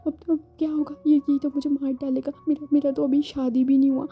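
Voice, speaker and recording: A woman's voice: sits high, fairly even intonation, fast talker, lightly acted. A woman voicing a timid young man who stammers and repeats words in fear. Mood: panicked. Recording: dull lo-fi sound, faint music.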